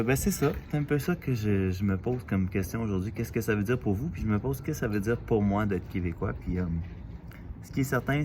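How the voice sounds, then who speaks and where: A man from Quebec with a Quebec French accent, musing aloud in a casual vlog, halting and full of fillers, outdoors in a city alley. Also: on the low side, noisy background. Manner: thoughtful, halting, with many fillers and restarts. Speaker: vlogger. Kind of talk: casual reflective monologue.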